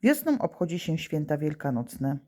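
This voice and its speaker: Speaking at a normal speed, a primary school teacher with a low, warm and very animated voice runs a remote lesson for young children. She patiently asks questions, then answers them herself.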